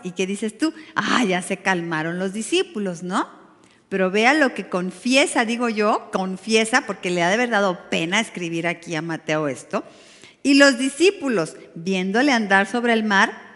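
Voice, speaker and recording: A woman's voice: mid-range voice, a bit bright. A Mexican woman delivers a sermon in a mid-range voice, full of rhetorical questions and dramatic emphasis. Her words ring out with a long hall reverb behind them, as if recorded in a church. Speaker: pastor. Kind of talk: sermon to a women's group.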